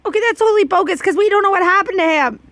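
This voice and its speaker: A woman's voice: very high voice, racing, a bit bright, no echo. A woman chatting casually as she reacts to a video, openly emotional about the story.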